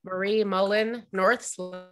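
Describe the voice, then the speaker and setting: A woman's voice: medium pitch, fairly even intonation, unhurried, soft background music. A woman presenting an award over a video call, reading out names carefully and stumbling on some.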